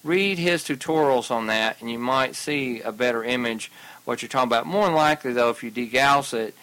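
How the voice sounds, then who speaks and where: A man co-hosting a casual podcast, giving practical arcade repair advice in a relaxed way, often restarting his sentences. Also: medium pitch, brisk, rough recording.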